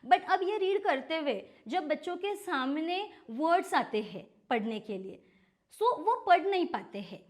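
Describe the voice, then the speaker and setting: An Indian woman who teaches phonics, explaining as a podcast guest in a mix of Hindi and English and slowly spelling out letters to make her point. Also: very high voice, very animated. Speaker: phonics educator and franchise owner.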